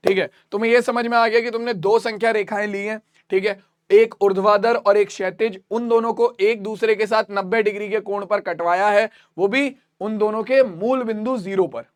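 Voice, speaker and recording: A man's voice: sits high, fairly even intonation, normal speed. A man teaching a math lesson, repeating each point and quizzing his students.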